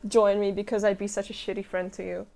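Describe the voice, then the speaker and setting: A woman's voice: mid-range voice, little pitch movement, fast, creaky, dark tone. A woman hosting a casual podcast chat, joking, swearing freely and giggling often. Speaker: podcast host.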